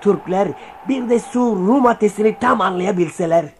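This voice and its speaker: Grumbly cynical soldier in a radio drama, high voice, faint noise behind. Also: male voice, moderate pace. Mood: gossipy, awed. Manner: colloquial, grumbling. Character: grumbling, cynical Byzantine soldier who admires the enemy. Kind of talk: radio play acting.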